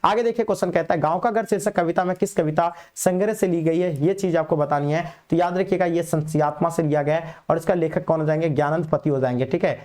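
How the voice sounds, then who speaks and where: A man teaching an exam revision lesson, quizzing students in a brisk, repetitive way and calling them "babu". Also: a little high, fairly even intonation, a little mellow.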